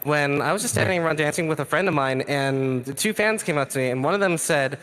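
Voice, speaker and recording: Panelist, earnest man, lightly high pitch, reverby sound. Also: brisk, a bit bright, clean tone. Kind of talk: casual panel chat. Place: virtual reality social event.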